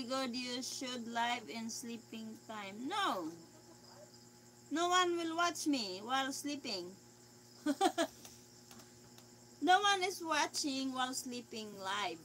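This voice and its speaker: A woman's voice: on the high side, a bit bright, a little hiss or hum. A woman chatting casually with viewers on a live stream. She reads their comments aloud, answers in simple phrases and laughs easily.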